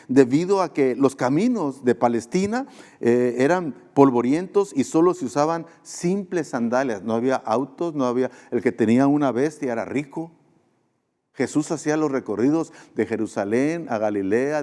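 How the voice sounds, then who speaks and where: Mexican pastor guy preaching, mellow dark voice, lots of hall reverb, earnest and repeats stuff for emphasis. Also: medium pitch. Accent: Mexican Spanish. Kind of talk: sermon. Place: church sanctuary. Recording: long church hall reverb.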